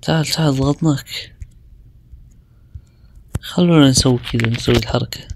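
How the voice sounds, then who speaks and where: A young man, chatting his way through a video game and talking himself through each move with quick exclamations. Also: mid-range voice, a little hiss or hum. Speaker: gaming video creator. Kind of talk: casual gameplay commentary.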